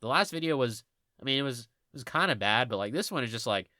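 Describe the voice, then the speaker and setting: A man's voice: medium pitch, lively intonation, fast, sharp tone, dry recording, studio quality. A man with a cold giving scripted video game commentary in a stuffy, nasal voice, as if pinching his nose.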